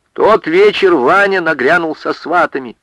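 A man narrating a literary story for radio in a measured, expressive way. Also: fairly high pitch, no room sound, rough recording.

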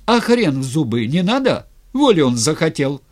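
A coarse cossack playing at being tsar, acted by a man, shouts his orders in a high, jeering voice. His pitch leaps around as he mocks everyone in reach. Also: wildly swooping pitch, a little slow, exaggerated voice.

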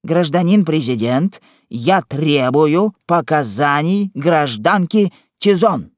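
Man reading a loud, sneering male accuser, high and strained, slow and deliberate delivery. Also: expressive, no echo, studio quality. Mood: triumphant shouting. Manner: mocking, shouting. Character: shrill malicious male shoemaker accuser.

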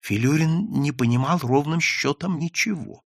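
A man reading an audiobook story aloud in an expressive, dramatic way. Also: on the high side, moderate pace, no room sound, studio quality. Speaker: audiobook reader.

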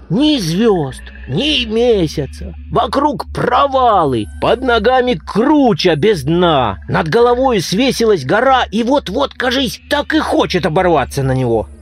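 Man, storyteller, dramatic delivery, fairly high voice, lively pitch. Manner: dramatic, animated delivery with vivid sound effects. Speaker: narrator. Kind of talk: expressive storytelling reading of a classic tale.

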